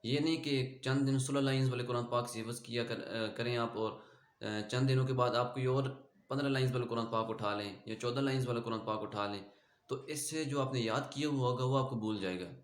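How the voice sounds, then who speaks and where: A man teaching an online Quran lesson with a Pakistani Urdu accent, explaining pronunciation patiently and reciting slowly for students to repeat. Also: medium pitch, steady tone, reverberant.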